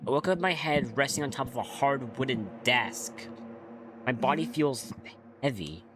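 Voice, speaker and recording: A man voicing a nervous, bewildered new male high-school student, reading the game's first-person narration aloud. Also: animated, moderate pace, music in the background, lightly acted. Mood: confused.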